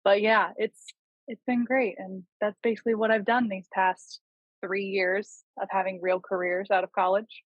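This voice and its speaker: A young woman in her twenties talks through a casual podcast chat, light and self-mocking. The audio is a bit dull and lo-fi, with a very dry sound. Her voice sits at a medium pitch. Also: little pitch movement, moderate pace, dry recording. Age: 20s. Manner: chatty, self-deprecating. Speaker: project manager.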